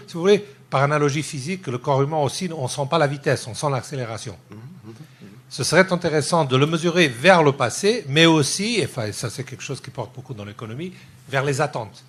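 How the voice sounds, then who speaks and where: A man from Portugal poses a long question from the audience at a lecture. His voice is husky and slightly breathy, and he gropes for words as he talks. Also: on the high side, fairly bright tone. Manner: thinking aloud, searching for words. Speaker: audience member asking a question.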